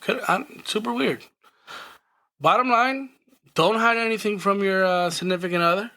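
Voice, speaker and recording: A man's voice: high-pitched, moderate pace, bright, forceful tone. A man co-hosting a podcast in casual, slangy chat, agreeable and laughing often. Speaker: podcast co-host.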